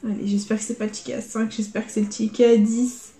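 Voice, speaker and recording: A young adult woman commenting casually to her viewers as she scratches lottery tickets, spelling out letters and swinging between dread and excitement. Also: on the high side, fast, reverberant.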